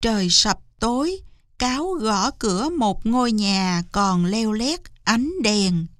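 A woman narrating a children's fable in a slow, gentle, clear reading. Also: mid-range voice, lively intonation. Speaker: storyteller.

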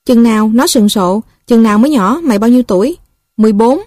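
A woman's voice: a little high, fast, a little mellow, no echo, studio quality, lightly acted. Woman reading as a sulky runaway boy. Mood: defensive. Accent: Southern Vietnamese. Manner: defensive, trying to sound grown-up.

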